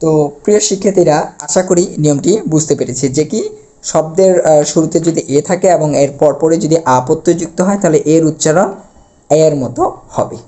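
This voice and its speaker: A man's voice: on the high side, fairly quick, mellow. A man teaching an online grammar lesson, explaining patiently and repeating key words, with frequent fillers.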